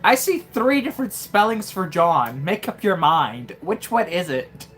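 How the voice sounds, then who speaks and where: A man's voice: sits high, big pitch swings, unhurried, a bit bright, faint music behind. A man commentating his own gameplay on a live stream, joking and talking directly to his chat. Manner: chatty, joking, talks to chat. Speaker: game streamer.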